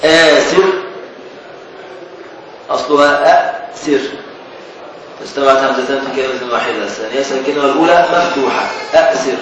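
A man with an Egyptian accent teaching a classical text as a sheikh, explaining slowly, repeating key words and questioning his students. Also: mid-range voice, a bit bright. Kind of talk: Islamic scholarly lesson. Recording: echoey distant recording with noise.

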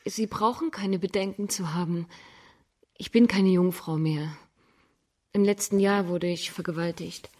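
In a German radio drama, a young adult woman voices a frank, gentle blind woman who keeps singing crickets. Her lowish voice is steady and measured, and she sounds composed, candid and earnest.

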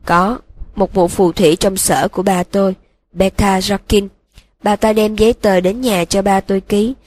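A broken young male dark wizard, read by a woman, confesses in a flat, emotionless monotone. The voice sounds husky and breathy. He sits at a middle pitch in a storybook audiobook. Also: moderate pace, no echo, natural voice. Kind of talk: audiobook reading.

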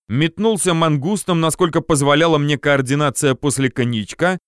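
A man's voice: mid-range voice, smooth, dry recording. A man narrates an audiobook in the first person with a wry, easy storytelling manner. His voice sits in a middle register. The recording is dry and close, with no room sound.

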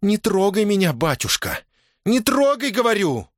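A man's voice: sits high, very animated, unhurried, no echo, clean studio sound, pitched above the performer's own voice. A man doing a fierce defiant young wife. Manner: sharp, defiant.

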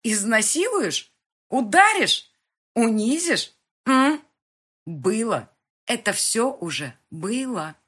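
A woman voicing a defiant, frightened young heroine in an audiobook, with a husky voice and shrill outbursts. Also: brisk. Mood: defiant screaming.

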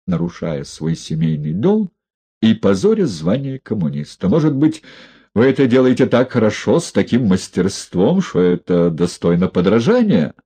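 A man's voice: medium pitch, dark tone, breathy edge. A man voicing a stern, contemptuous party inspector who lectures and mocks coldly, reading a story aloud. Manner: stern, cold, mocking.

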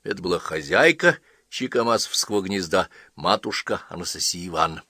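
Lively, low-voiced male audiobook narrator. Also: fairly quick, no echo, studio quality. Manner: expressive storytelling reading. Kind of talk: scripted narration.

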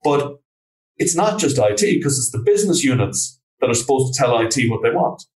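Speaking briskly and expressively in a medium-pitched, darkish voice, a Galway trainer and consultant answers interview questions in a plain, conversational way with his west of Ireland accent. He is far from the mic, and the room sounds echoey.

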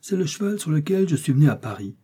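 A man reading aloud and voicing a bold young male swordsman with a lively, bantering delivery. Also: fairly high pitch, quick pace, breathy edge, pitched above the performer's own voice. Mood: surprised.

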